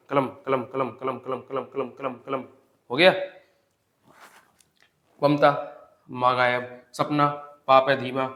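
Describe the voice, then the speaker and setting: A man teaching a Hindi grammar lesson for exam preparation, explaining step by step, repeating definitions, asking the class rhetorical questions and drawing out example words slowly. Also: a little high, fairly bright tone. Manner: addresses students as "bhai". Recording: echoey classroom sound.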